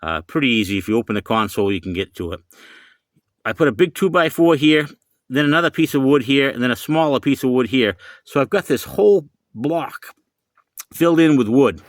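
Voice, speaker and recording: Here a US hobbyist, middle-aged or older, talks briskly with lively intonation at medium pitch while showing his CB radio in a rambling vlog from his pickup, often going back over the same points. The audio is clean studio sound without echo.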